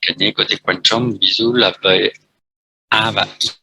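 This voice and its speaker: A man with a Vietnamese accent teaching a French lesson, speaking slowly and repeating letters and words as he explains. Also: lowish voice, steady tone, vocal fry, sharp tone, breathy edge, dry recording, low-quality recording. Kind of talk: language lesson, explaining at a board.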